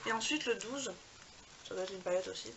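A woman beauty vlogger chatting casually to camera as she unwraps gifts, gushing and filling pauses as she goes. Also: mid-range voice, very noisy. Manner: gushing, chatty, filler-heavy. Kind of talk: casual unboxing chat to camera.

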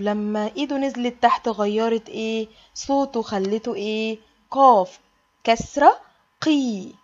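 Lively Egyptian woman teaching small children. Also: on the high side, dull audio. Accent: Egyptian Arabic. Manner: sing-song, drawn-out letter sounds for small children. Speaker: kindergarten teacher. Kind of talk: teaching a children's alphabet lesson.

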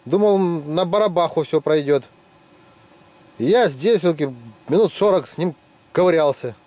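Inside a tent on the ice, a middle-aged vlogger keeps up casual fishing commentary, playfully teasing his friends with lively jokes. He talks at a normal speed with a fairly high pitch.

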